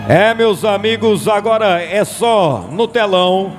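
High-pitched Brazilian auctioneer man, echoing hall. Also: expressive, slow pace. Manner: repetitive, insistent selling patter. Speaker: livestock auctioneer. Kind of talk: auction calling with repeated bid chants. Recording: long hall reverb, music behind.

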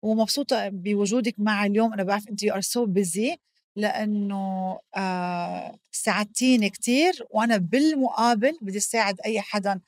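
A woman's voice: mid-range voice, fairly quick, dry recording. A woman with a Lebanese accent hosting a podcast, talking in a heartfelt, emphatic way and mixing in English phrases. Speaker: podcast host. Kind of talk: casual podcast chat.

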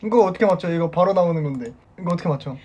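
A man's voice: sits high, very fast, a little mellow, highs cut off. A young man in his twenties hosting a casual live stream, reading viewer comments aloud in a playful way and laughing often. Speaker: idol band member hosting a solo live stream. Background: music playing.

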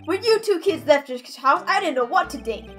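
A woman voicing a fussy, fond old male shopkeeper uncle in a game play-through, lowering her voice a little. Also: expressive, brisk, a bit bright, soft background music. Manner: gruff-tried, slightly lowered delivery. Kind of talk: let's play voice reading.

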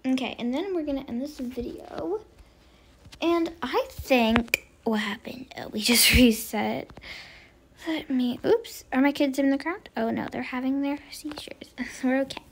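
High-voiced, chatty woman gamer. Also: unhurried, slightly rough. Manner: chatty, playful, with whispered asides. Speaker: gaming channel host. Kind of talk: Roblox role-play commentary.

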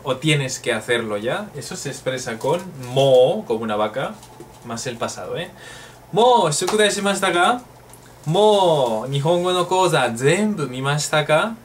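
A man from Spain teaching a casual online Japanese lesson, joking and chatty, often adding quick tag questions. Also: mid-range voice, fairly bright tone. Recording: voice a bit far from the mic, faint room noise.

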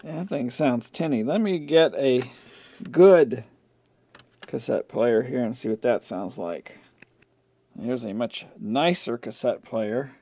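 A man with a mid-range voice speaks slowly and offhandedly while repairing electronics, more talking to himself than to anyone else. He hosts a repair channel, and the camcorder mic at his indoor workbench gives a recording with no echo, but with steady background noise and handling clicks.

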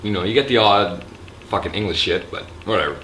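Tipsy raspy-voiced man rambling in a room. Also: low-pitched, brisk, sharp tone, slight background noise. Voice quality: raspy throat. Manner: rambling, profane, loose. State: a little drunk. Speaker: vlogger. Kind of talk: casual vlog monologue. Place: resort hotel room. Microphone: handheld camera. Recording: echoey room with faint ambience.

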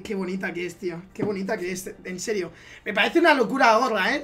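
A man's voice: very high-pitched, pushed and bright. A young man with a Spain Spanish accent, a gaming YouTuber gushing through an unboxing in slangy casual chat. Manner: gushing, repeats exclamations, slangy. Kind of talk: excited unboxing vlog.

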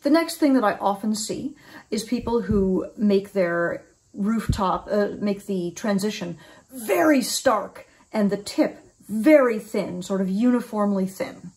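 Recording at home in a small room before a desk camera, a forty-something oboe teacher explains reed making in an instructional video, often pausing with ums and starting phrases over. She speaks at an ordinary middle pitch, with lively intonation and a darkish tone.

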